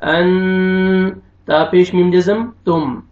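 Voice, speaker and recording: Male Quran tutor, high voice, slow deliberate spelling of syllables, distant echoey lo-fi recording. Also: little pitch movement. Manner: slow syllable-by-syllable spelling with drawn-out recited words. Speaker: Quran teacher. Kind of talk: spelling out Quranic recitation lesson. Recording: echoey, distant, dull lo-fi room sound.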